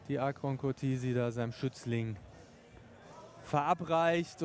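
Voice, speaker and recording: A man's voice: fairly high pitch, a little mellow, a little hiss or hum. A man giving live boxing commentary in an emphatic, opinionated way.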